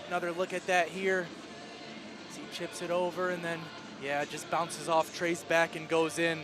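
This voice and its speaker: A man's voice: on the high side, monotone, normal speed, music in the background. A man working as color commentator on a hockey game, talking through replays in a conversational way. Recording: live arena noise behind. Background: hockey arena ambience.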